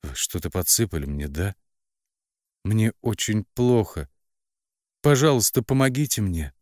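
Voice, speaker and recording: A man's voice: low-pitched, lively intonation, moderate pace, a little mellow, no room sound, clean studio sound. A man voicing a desperate, hurt young woman who pleads and cries out against her family. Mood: pleading. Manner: pleading, anguished.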